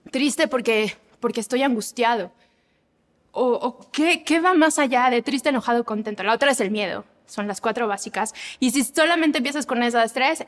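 Woman, young adult, devotional talk, animated, fairly high voice, long reverb. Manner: animated, acts out examples with voices.

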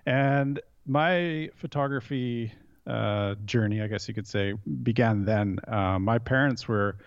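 A man's voice: mid-range voice, takes it slowly, clean tone, dry recording. Canadian man, thirties, interview guest, rambling with lots of ums and restarts, dry muffled sound. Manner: rambling with many fillers and restarts. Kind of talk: casual interview.

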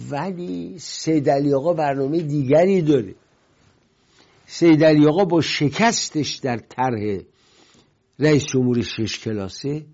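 A male host delivers political commentary in a warm, mellow voice. He rambles from one anecdote to the next, lifting his voice now and then for emphasis. The recording sounds dull and lo-fi. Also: medium pitch. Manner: rambling, digressive storytelling with emphatic swings in loudness.

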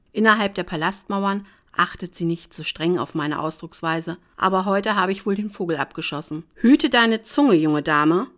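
A woman reading a novel aloud in the first person, with a lively, dramatic and sarcastic delivery. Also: fairly low pitch. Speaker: audiobook reader.

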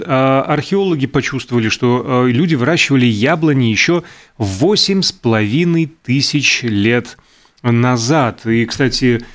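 Chatty male co-host sharing trivia. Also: mid-range voice. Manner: chatty, hesitant with fillers, self-correcting. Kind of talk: casual chat reading out trivia.

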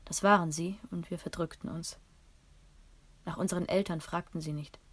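A woman reading a first-person story aloud in a calm, measured way. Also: fairly low pitch. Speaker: audiobook narrator.

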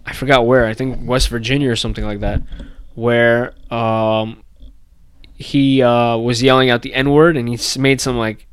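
Casual male co-host, smooth and resonant voice, dry close sound, animated storyteller, swears freely. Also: medium pitch, normal speed, no room sound. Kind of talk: casual chat.

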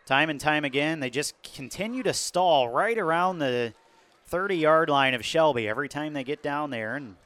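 An American man giving live play-by-play commentary on a football game, moving between measured description and raised-voice calls. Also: a little high, a bit bright.

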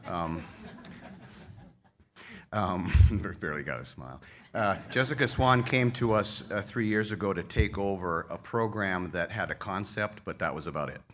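Man, very deep voice, conference speech, folksy, heartfelt, emotional, stage mic. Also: expressive, moderate pace, a bit bright. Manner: folksy, self-deprecating humor. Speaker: association leader addressing members. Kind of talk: conference speech thanking staff.

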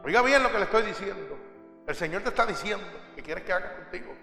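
A man preaching a fervent evangelical sermon, swinging from loud urgent calls to low hushed prayers. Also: lively intonation, fast talker, creaky. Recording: echoey hall with long reverb. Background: soft music.

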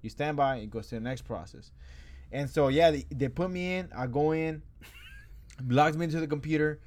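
A man's voice: fairly high pitch, moderate pace, darkish tone. Slangy man telling a story. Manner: slangy, rambling, laughs through the story. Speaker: storyteller among friends. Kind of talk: casual chat.

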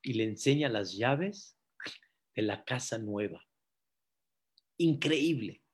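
A man's voice: medium pitch, animated, slow pace, a little hiss or hum. A male rabbi, telling a story in a sermon and keeping the audience involved with rhetorical questions.

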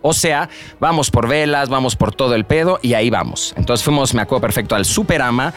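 A man's voice: medium pitch, brisk, faint music behind. A young man with a Mexican accent telling a slang-filled story among friends and acting out the voices of the people in it. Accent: Mexican Spanish. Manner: slangy, animated, acts out voices in his anecdote.

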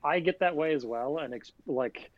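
A man's voice: fairly high pitch, moderate pace. Reflective man in his late thirties, dull sound. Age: 30s. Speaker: podcast co-host. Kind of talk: casual chat.

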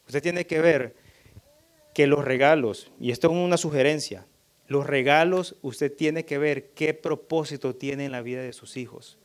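A middle-aged man giving an emphatic, sermon-style talk on parenting, addressing the audience directly and jumping into high voices when he imitates children. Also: measured pace. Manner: animated, jumps up high when voicing children. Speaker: church speaker on parenting.

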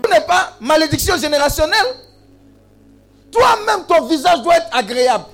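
A male preacher with a strikingly high voice that leaps around, shouting, teasing and calling on the congregation to answer. He preaches over a faint bed of music. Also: expressive, normal speed, vocal fry. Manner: exclamatory, call-and-response with the congregation; humorous asides and teasing. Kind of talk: sermon.

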